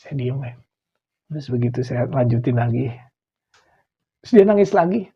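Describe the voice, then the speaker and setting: In a relaxed conversation, a Sundanese-accented man from West Java, middle-aged and appearing as a guest, spins a spooky tale, voicing others' words with animation and occasionally dropping almost to a whisper. He speaks at a normal pace in a mid-range, breathy voice over muffled, lo-fi audio.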